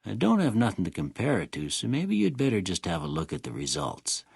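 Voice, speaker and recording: An older male actor voicing a kindly, wry small-town doctor in a video game, with a folksy American rural Western drawl and a raspy voice. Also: low voice, wildly swooping pitch, darkish tone, dry recording, clean studio sound, heavily acted. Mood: calm, folksy. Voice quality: raspy, gravelly. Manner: folksy, unhurried, plainspoken. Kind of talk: video game character dialogue.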